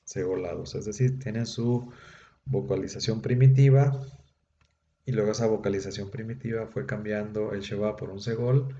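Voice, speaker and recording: A man with a lowish, mellow voice lectures patiently, filling pauses with soft hesitations. The sound is dull and lo-fi, bouncing around a roomy space with a faint hiss underneath. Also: steady tone. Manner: patient, explanatory, frequent "eh" and "este" fillers. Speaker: Bible institute Hebrew teacher. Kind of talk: classroom grammar lecture.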